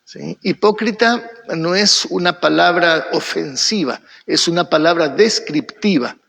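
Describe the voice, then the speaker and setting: A man with an Argentine accent leads a church Bible study in a high, gravelly voice. He asks a question, answers it himself, and keeps checking in with his listeners. His voice echoes with long reverb, as if recorded in a large hall. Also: unhurried, a bit bright. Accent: Argentine Spanish. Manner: keeps checking in with the audience by asking "¿sí?"; poses questions and then answers them himself.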